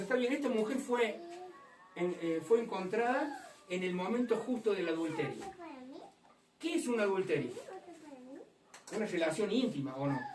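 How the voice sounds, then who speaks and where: A woman preaching a fervent sermon to a congregation, rising to loud emphatic passages. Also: medium pitch. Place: church hall. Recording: echoey hall from far off.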